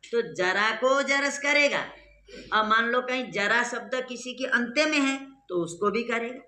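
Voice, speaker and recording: Teacher, bright and clear, patient step-by-step explainer who keeps quizzing the class; echoey room. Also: medium pitch, unhurried. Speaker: Sanskrit grammar teacher. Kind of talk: classroom lecture.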